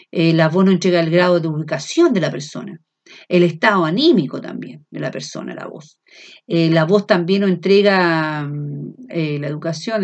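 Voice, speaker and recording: A woman with a Chilean accent teaching a language class, often checking in with her students and filling pauses as she explains. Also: lowish voice. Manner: frequent checks of "¿ya?" and fillers; speaks loud without shouting. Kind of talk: classroom lecture.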